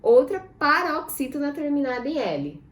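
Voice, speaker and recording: A Brazilian woman teaching a lesson for children, speaking slowly and drawing words out syllable by syllable while asking her pupils questions. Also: high-pitched, sing-song. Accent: Brazilian Portuguese.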